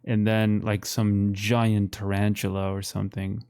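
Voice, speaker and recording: A man co-hosting a casual chat, relaxed and laughing often, saying bro and dude. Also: on the low side, unhurried, smooth. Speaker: podcast co-host. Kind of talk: casual chat while browsing a map.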